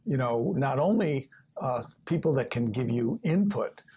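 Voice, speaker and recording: A man's voice: medium pitch, animated, moderate pace, warm tone, slightly rough. An older man hosting a studio interview, chatty, with frequent fillers. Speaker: talk show host. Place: TV studio set.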